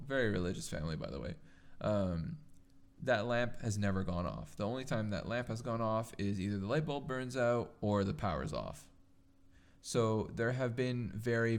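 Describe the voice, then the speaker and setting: A man with a fairly low voice talks casually as a podcast co-host. He rambles through stories in an animated way and curses freely as he goes. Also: creaky. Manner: swears freely. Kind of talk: casual chat and storytelling.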